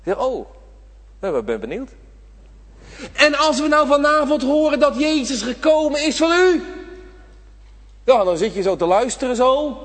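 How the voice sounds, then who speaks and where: High-voiced preacher in a reverberant church. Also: male voice, sing-song, unhurried, long pauses. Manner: impassioned, swinging from loud appeals to hushed whispers. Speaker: pastor. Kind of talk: sermon.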